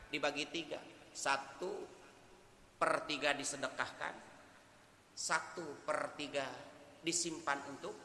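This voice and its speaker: A man preaching a sermon to a congregation, swinging between loud exclamations and quiet storytelling asides, joking with the listeners. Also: fairly high pitch, a little hiss or hum. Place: prayer hall. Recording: echoey prayer hall with long reverb.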